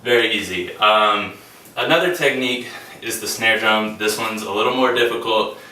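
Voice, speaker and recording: A man's voice: fairly low pitch, moderate pace, pushed and bright. A young man giving a casual instructional talk, with frequent ums and restarts. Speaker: speaker giving a class talk on beatboxing. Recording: echoey room, mic at a distance, faint hiss.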